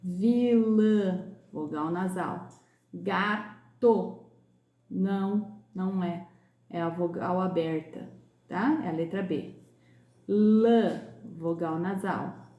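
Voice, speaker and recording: A woman teacher from Brazil walks young pupils through a lesson at a slow, patient pace. She stretches out sounds and words so each one is heard clearly. The room around her has a noticeable echo. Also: lowish voice, highs cut off. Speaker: primary school teacher. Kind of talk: recorded class lesson correction.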